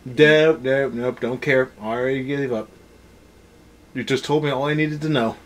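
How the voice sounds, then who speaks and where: A man co-hosting a card game anime review rants in a casual, opinionated discussion, blunt and dismissive. His mid-range voice holds a steady tone and runs a little slow.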